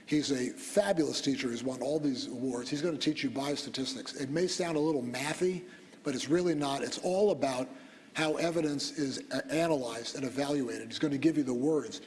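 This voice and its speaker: A man's voice: mid-range voice, brisk, a little mellow. A man giving a medical school lecture in a conversational, digressive way, with fillers and self-corrections. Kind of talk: classroom lecture. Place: lecture hall. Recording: lecture hall with long reverb and faint noise.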